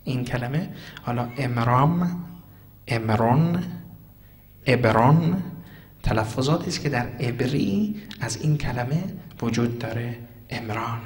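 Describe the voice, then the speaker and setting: A man delivering a sermon on scripture, his voice at an ordinary middle pitch. He shifts from forceful, raised declamation to quiet, near-whispered asides. A long reverb trails behind him, as in a large hall. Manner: swings from loud emphatic declaiming to hushed asides. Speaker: preacher.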